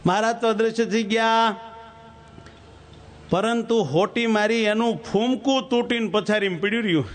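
A man, telling a religious story in a folksy sermon and exhorting his listeners. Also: fairly high pitch. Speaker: preacher.

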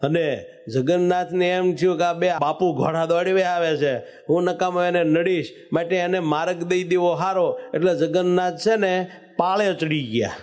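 A man's voice: high-pitched, fairly even intonation, moderate pace, a little mellow, soft background music. A man preaching a devotional sermon, telling a story and breaking into sung verses. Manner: storytelling, bursts into sung verses, calls out lines.

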